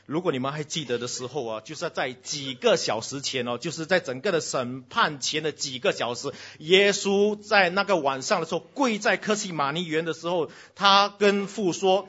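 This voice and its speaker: A man preaching a sermon to a congregation, switching between loud exclamations and hushed lines, slipping in English phrases and speaking directly to the children. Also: fairly high pitch, normal speed, hardly any pauses, slightly rough, lo-fi sound.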